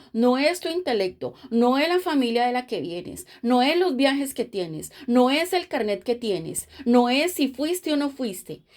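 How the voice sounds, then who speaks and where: Woman pastor, higher pitch, impassioned preaching cadence. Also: darkish tone. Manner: impassioned preaching with repeated phrases. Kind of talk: sermon.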